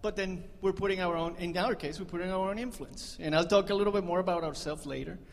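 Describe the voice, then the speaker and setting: Talking fast in a high, creaky voice with fairly even intonation, a man leading a band banters with the crowd between songs. He's joking and chatty, laughs at his own gags, and the live concert hall adds reverb.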